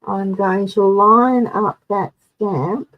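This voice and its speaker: A woman's voice: medium pitch, steady tone, slow, dull audio, a little hiss or hum. A woman running a live card-making tutorial, chatting through each step for her viewers. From Australia.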